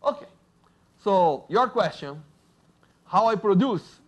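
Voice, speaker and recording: A man with a Brazilian Portuguese accent, a native Portuguese speaker, giving a lively university physics lecture and joking with the audience. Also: high-pitched, slow pace. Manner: lively, jokes with audience, asks "right?".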